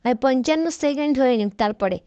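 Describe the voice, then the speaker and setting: A woman giving casual, excitable let's-play commentary, chatting to herself as she plays. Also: high voice, quick pace, smooth, dry recording, dull audio. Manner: chatty, excitable, talks to herself while playing. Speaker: gameplay commentator.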